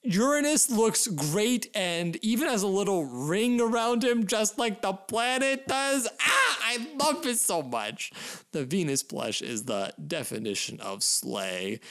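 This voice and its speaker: A podcast host talks in an unhurried way, with a voice that leaps all over its range. Dry, sarcastic remarks give way to melodramatic gushing. The delivery is comedic commentary with plenty of exaggeration. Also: medium pitch, a bit bright. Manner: gushing, theatrical overexcitement; sarcastic asides.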